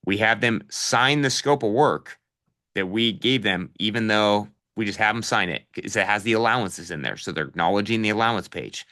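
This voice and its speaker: A man's voice: lowish voice, moderate pace, sharp tone. A middle-aged man coaching a live online session on real estate, casual and direct, calling listeners "you guys" with plenty of fillers. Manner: direct practical advice with fillers.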